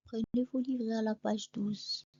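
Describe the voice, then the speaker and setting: A woman leads an early reading lesson, spelling each letter and then the syllable in a slow, deliberate way. Her voice is mellow and warm, recorded dry and a little dull. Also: a little high, steady tone, dry recording. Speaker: reading teacher.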